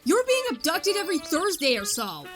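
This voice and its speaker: A brash tomboy princess in a cartoon, very high-voiced and lively in pitch. She talks in sarcastic slang, with children's music playing behind her. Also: brisk, exaggerated voice. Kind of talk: animated comic dub acting.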